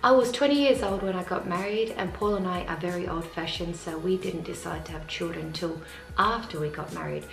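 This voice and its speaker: Speaking fairly quickly with a low-leaning voice and vocal fry, this Australian family vlogger in her 40s works through viewer questions, giving plain answers to camera. The casual Q&A takes place at home, kids close by, with room echo and soft music in the background.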